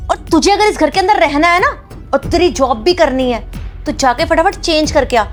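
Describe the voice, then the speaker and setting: A woman's voice: high voice, moderate pace, faint music behind, lightly acted. Woman playing a bossy scolding mother-in-law. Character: strict domineering mother-in-law, middle-aged woman. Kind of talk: short family drama skit.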